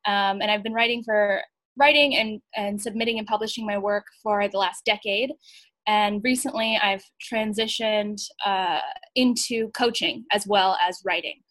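A woman's voice: mid-range voice, fairly even intonation, moderate pace, fairly bright tone, no echo. A woman from Bulgaria, a writer and coach, talking as a podcast guest in a thoughtful, hesitant way with many fillers. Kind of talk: casual interview.

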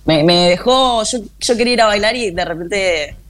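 A woman's voice: medium pitch, moderate pace. A woman with an Argentine accent co-hosting a radio show, chatting casually and animatedly in slang. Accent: Argentine Spanish. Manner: animated, slangy, acts out lyrics. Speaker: radio co-host.

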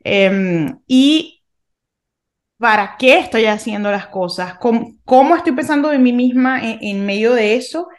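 A woman's voice: a little high, a little slow. A woman in her thirties from Venezuela, talking through a faith topic in a reflective way, often restarting her sentences. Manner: reflective, thinking aloud with many restarts. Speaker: podcast co-host. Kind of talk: casual faith discussion.

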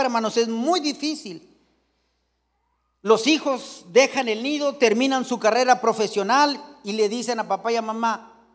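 A man's voice: very high voice, in a large hall. A middle-aged man preaching a sermon in a folksy, joking way, calling out to the congregation again and again.

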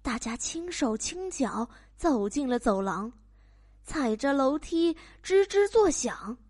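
A woman reads a children's storybook aloud with a high voice. Her pitch leaps and dips expressively, and she takes her time over each line. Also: slow. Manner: expressive, with animal sound effects.

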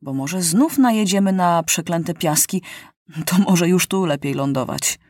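A calm, one-eyed pilot who lost his legs, telling grim jokes in an even, deadpan way, as read by a woman. The voice sits low and close. It is a storybook reading in a dry room. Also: unhurried, no echo. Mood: jovial. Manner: deadpan gallows humor. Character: legless one-eyed male pilot, calm, dryly joking.

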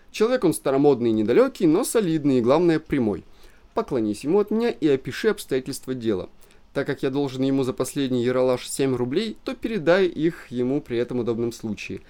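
A pompous, self-important official, read by a man who talks in calm, measured phrases. He lays down his views with a slightly raised, lively pitch. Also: lightly acted.

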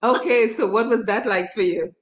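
A woman's voice: on the high side, moderate pace. A woman hosting a conversational interview, asking questions of a guest. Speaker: interview host. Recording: roomy, echoing sound.

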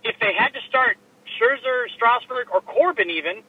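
A man co-hosting a casual sports chat over a low quality remote stream from a laptop in his car, talking in a joking, chatty way with plenty of filler words. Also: animated, moderate pace, breathy edge, phone-quality sound. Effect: low quality remote stream audio. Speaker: sports podcast co-host. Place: inside a parked car. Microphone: laptop microphone.

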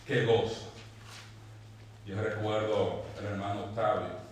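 A man's voice: on the low side, steady tone, slow pace. Male pastor, fervent sermon delivery with repetitions; distant mic, echoey church with faint background hum.

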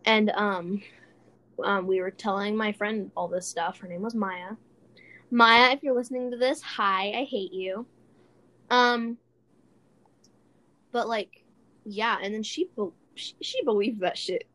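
A woman's voice: mid-range voice, unhurried, pauses often, a bit bright. A woman co-hosting a casual chat podcast, telling rambling stories with lots of giggles. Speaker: podcast co-host.

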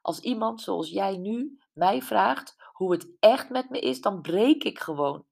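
A woman's voice: mid-range voice, animated, measured pace, gravelly, a little mellow, voice pushed up. A woman voicing Brenda, a candid, self-mocking friend, in an audiobook. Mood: wry. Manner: wry, emotional, tearful at times. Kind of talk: audiobook character voice.

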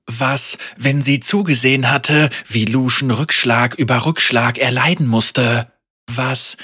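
A male audiobook narrator reading a grim fantasy tale at an unhurried, deliberate pace. His voice is bright and forward, with a husky grain running through it. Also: mid-range voice. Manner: slow, measured and dramatic. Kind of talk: scripted story narration.

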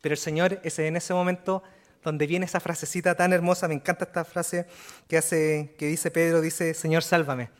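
A man with a high voice preaches a sermon to his congregation. He talks earnestly, restarts phrases, repeats key words and keeps checking in with rhetorical asides. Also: level tone, normal speed. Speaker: pastor.

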